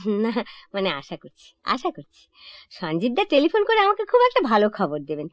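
A woman's voice: on the high side, moderate pace, no room sound. An actress performing a comic stage monologue as a chatty young divorced woman, confiding and correcting herself, on a dull lo-fi old recording. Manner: chatty, lively, self-correcting, confiding to listeners.

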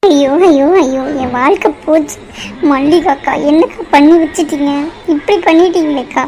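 A woman's voice: high-pitched, normal speed, a little mellow, a little hiss or hum, natural voice, poor audio. A woman voicing a distraught young woman who pleads and wails in a cartoon drama. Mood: wailing. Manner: wailing, pleading. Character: distraught young woman begging her family.

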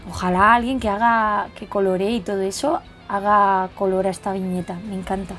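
A young woman, reading a manga chapter aloud and reacting with excited exclamations. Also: medium pitch, soft background music. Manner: excitable, exclamatory, quick to gasp and laugh.

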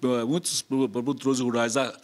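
Halting older man in conversation. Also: medium pitch, level tone. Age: 60s. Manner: halting, repetitive, anecdotal phrasing. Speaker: guest, president of a charity association. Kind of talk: casual interview conversation. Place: small podcast studio, indoors. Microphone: tabletop microphone on stand.

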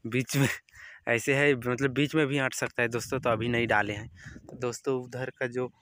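Out in open farm fields, a chatty young man films a village vlog on a handheld phone at arm's length, talking to viewers as though they're friends. His mid-range voice stays level and a bit bright at a moderate pace. The sound is studio quality, with no room sound.

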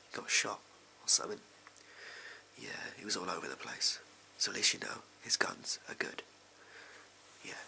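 A man's voice: on the low side, gravelly, sharp tone, exaggerated voice, poor audio. Man playing a whispering sleazy English backstreet salesman, whispered role-play. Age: young adult. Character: shady, amoral backstreet gun salesman, casual and furtive. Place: small indoor room at home. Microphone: close to the camera.

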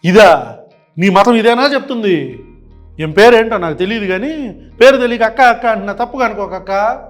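A man with a very high voice gives reaction commentary full of indignation. He piles up sarcastic rhetorical questions. Faint music plays in the background. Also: animated, normal speed.

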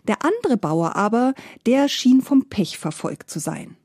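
A woman telling a fairy tale in expressive scripted narration, sometimes dropping to soft whispered phrases. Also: a little high, unhurried, dry recording, studio quality. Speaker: storyteller.

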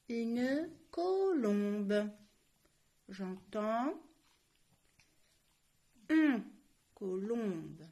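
A woman teaching a phonics lesson to young children, saying each word slowly and stressing every syllable. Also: on the high side, a little mellow. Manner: slow, clearly articulated, stressing each syllable. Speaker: primary school teacher.

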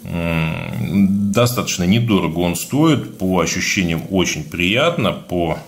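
A man with a speech impediment on his r's, giving a casual, halting product review as a video blogger. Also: low-pitched, lively intonation. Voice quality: burred, defective r sound. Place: indoors, at a table, hands-only shot.

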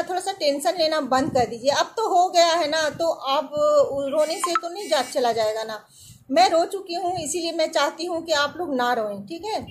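A woman in her thirties talks casually to her viewers from an indoor room, giving earnest, reassuring skincare advice and often asking if they follow. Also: high-pitched. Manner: earnest, reassuring, often adds "theek hai na". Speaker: beauty and skincare vlogger.

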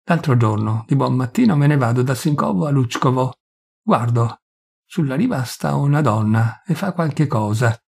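A tormented young village priest pours out his shame in pleading, self-accusing confessions, as a man reads him aloud. The voice is gravelly and husky. It suits a spoken-word story reading. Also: medium pitch, animated, moderate pace, darkish tone. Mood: anguished. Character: poor young village priest, ashamed and anguished.

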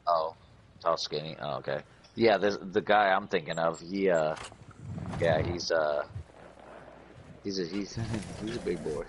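A man's voice: low voice, takes it slowly, pauses often, slight background noise. A man hosting a hunting channel, chatting casually outdoors at dusk, rambling and cussing, with a lot of stumbling restarts. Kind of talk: casual chat while hunting.

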